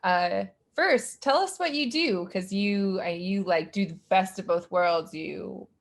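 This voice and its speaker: A young woman hosts a podcast interview in a chatty, gushing way, with plenty of likes and ums. Her pitch sits in the middle range for a woman. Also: unhurried. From Utah, United States. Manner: warm, gushing, chatty with fillers. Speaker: podcast host, grad student.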